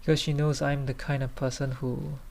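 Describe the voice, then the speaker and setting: A man's voice: mid-range voice, little pitch movement, moderate pace, gravelly, darkish tone, slight background noise. A man podcasting solo in a tipsy, loose, rambling casual chat, hesitating, trailing off and circling back. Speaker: podcast host.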